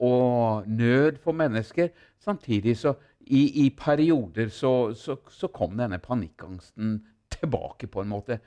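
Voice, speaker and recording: A man's voice: mid-range voice, darkish tone. A man interviewing a guest about faith, affirming him with short responses.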